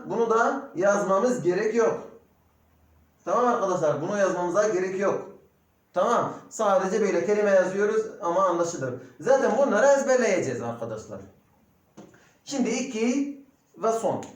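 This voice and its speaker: A man with a Turkish accent and a fairly high voice teaches a recorded lesson, repeating words slowly and patiently. His voice rings through a very echoey room. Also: lively intonation. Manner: slow, repetitive drilling of pronunciation. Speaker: Arabic teacher.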